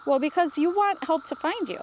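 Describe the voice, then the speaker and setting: Voicing a patient, reassuring grandmother from a storybook, a woman reads aloud in an instructive way at a fairly quick pace. Her voice sits high, and the low-quality recording carries faint noise behind her.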